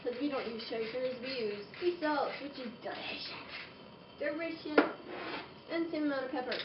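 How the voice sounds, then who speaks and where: A young woman talks her way through a recipe with a fairly high, chatty voice, tossing out playful asides while she works. She stands back from a camera across a roomy kitchen, so she sounds distant and echoey. The dull home video audio carries a clear hiss underneath. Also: normal speed. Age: young adult. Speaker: home cooking vlogger. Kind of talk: casual cooking demonstration. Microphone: camera across the room.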